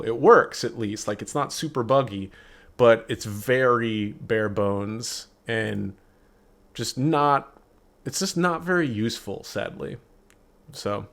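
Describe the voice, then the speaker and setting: Male tech reviewer, casual and candid, mid-pitched, speaking into a desktop condenser mic. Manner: candid, chatty, blunt opinions. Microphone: desktop USB condenser microphone.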